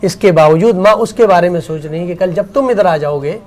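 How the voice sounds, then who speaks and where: A man's voice: high-pitched, darkish tone. A man hosting a religious talk show, asking the scholar questions and retelling anecdotes with feeling. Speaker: host.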